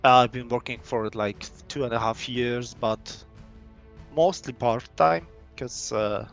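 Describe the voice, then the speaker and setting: A young man from Poland, speaking English as a second language, rambles through a description of his indie game on a live stream, full of fillers and restarts. His voice is an ordinary mid pitch for a man, unhurried and creaky, with faint music playing softly behind him.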